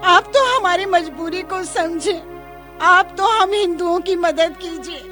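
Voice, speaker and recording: A woman plays a frantic mother pleading through tears, her voice very high. Music plays clearly behind her in this staged street play. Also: takes it slowly. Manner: pleading, tearful.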